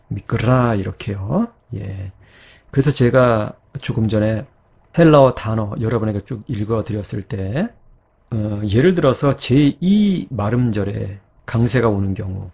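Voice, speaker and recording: A man teaching a recorded grammar lecture, reading word forms aloud slowly and patiently checking that listeners follow along. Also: mid-range voice, creaky, warm tone, slightly rough. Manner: patient, coaxing, checks understanding with "자" and "그쵸?".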